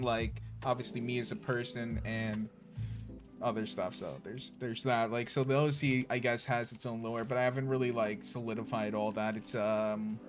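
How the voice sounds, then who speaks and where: A man hosting a tabletop game stream, chatting casually with many fillers and the odd swear word. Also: mid-range voice. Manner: rambling, full of fillers and swearing. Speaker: stream host. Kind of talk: casual chat before a tabletop session. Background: faint background music.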